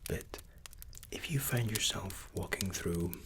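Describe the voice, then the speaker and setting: Deep-voiced man whispering softly. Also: vocal fry. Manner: soft, unhurried whisper, courteous and soothing. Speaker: ASMR role-player as hotel and spa staff. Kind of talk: ASMR role-play.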